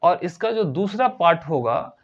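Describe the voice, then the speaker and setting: A man teaches an English grammar lesson, his voice sitting high for a man. He explains patiently, repeats his points and spells words out slowly. The recording is dull and lo-fi. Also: big pitch swings.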